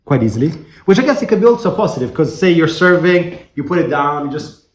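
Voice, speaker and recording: Higher-voiced man reviewing in a roomy space. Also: sing-song, quick pace. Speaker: product reviewer. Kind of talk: casual hands-on product review. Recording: roomy echo, background noise, clicks.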